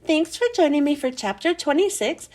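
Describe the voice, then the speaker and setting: A woman reading a children's chapter book aloud with expressive, animated storytelling. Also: high-pitched, normal speed.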